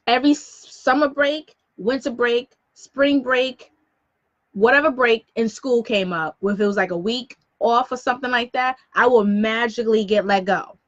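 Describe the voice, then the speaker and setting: A chatty woman in her thirties from New York City talks through a live broadcast as a business coach, quick and sassy, dropping slang asides as she goes. Her voice sits a little high. The audio is dull and dry, as if from a plain home room. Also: a bit bright, no echo. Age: 30s. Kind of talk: casual live-stream talk.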